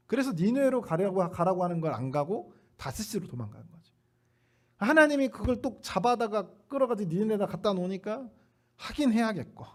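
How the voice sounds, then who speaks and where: A man's voice: sits high, a little mellow. A male pastor preaching a Sunday afternoon sermon in a church, talking conversationally, asking the congregation rhetorical questions and acting out quoted lines with playful humor. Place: church sanctuary.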